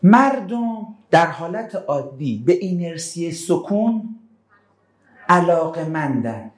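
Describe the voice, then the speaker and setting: A male religious teacher giving a classroom Quran lesson. He recites verses slowly, glosses them in everyday speech and keeps calling on students, turning down their answers one after another. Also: fairly high pitch. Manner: quizzes students again and again, brushing off answers; lively and animated when making a point.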